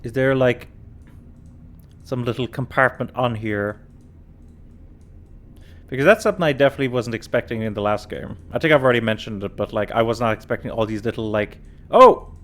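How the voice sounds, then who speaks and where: A tired man with a medium-pitched voice talks briskly but pauses often as he streams a puzzle game. In casual let's-play commentary, he thinks aloud while working through it.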